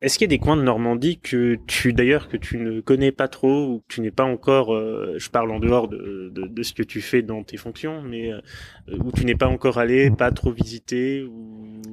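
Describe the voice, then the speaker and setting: A man's voice: mid-range voice, normal speed, a little hiss or hum. A man hosting a casual interview, joking around and often repeating words while he gathers his thoughts. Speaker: interviewer, host.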